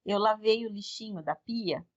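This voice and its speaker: A woman's voice: medium pitch, moderate pace, dull audio. Brazilian woman telling a home story. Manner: relaxed anecdotal storytelling, trailing "né". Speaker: podcast co-host. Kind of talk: casual storytelling chat.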